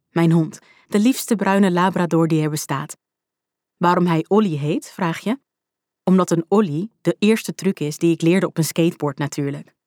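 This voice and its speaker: Lively woman narrating a storybook. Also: low-pitched, no room sound, studio quality. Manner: lively, vivid first-person telling. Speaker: audiobook narrator.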